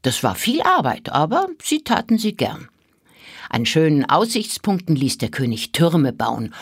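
A woman reading a children's story aloud with an expressive, melodic storybook delivery. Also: deep voice, breathy edge, no room sound, clean studio sound.

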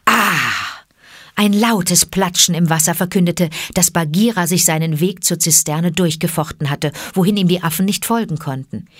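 A woman narrating a classic jungle story in a calm, measured and expressive way. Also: on the low side, no echo, studio quality. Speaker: audiobook narrator.

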